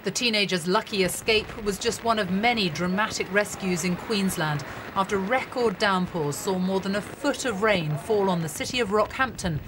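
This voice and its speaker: A woman's voice: mid-range voice, normal speed, noisy background. A woman reporter narrating a scripted news report in a dramatic, descriptive way.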